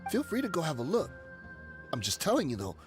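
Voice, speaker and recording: A shifty ex-mercenary smuggler in a video game. His pitch leaps all over as he wheedles, pleads and dodges in slangy talk, with loud music underneath. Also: huge pitch swings. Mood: pleading, grudging. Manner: fast-talking, pleading, slangy. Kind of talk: scripted video game dialogue.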